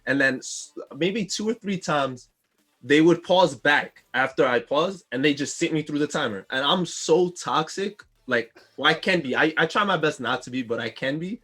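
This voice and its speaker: A man co-hosting a casual gaming podcast, laid-back and laughing, getting animated as he rants. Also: fairly high pitch, normal speed. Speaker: podcast co-host.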